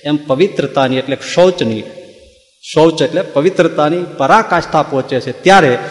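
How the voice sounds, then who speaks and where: A man's voice: a little high, normal speed, reverberant, big-room sound. A man giving a devotional sermon to a gathering, full of rhetorical questions and teasing asides. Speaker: religious discourse speaker.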